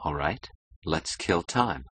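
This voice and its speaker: A man voicing a cool, detached young wife who speaks quietly and calmly in an audiobook. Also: rumbling low, takes it slowly, slightly rough, full character voice. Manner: quiet, calm and indifferent. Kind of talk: audiobook character voice.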